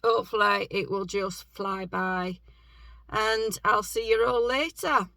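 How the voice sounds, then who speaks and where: A woman chatting casually to camera from inside her parked car, telling a story with lively quoted reactions, sounding low on energy with her morning voice. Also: slow pace, vocal fry, no room sound, low-quality recording. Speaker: vlogger.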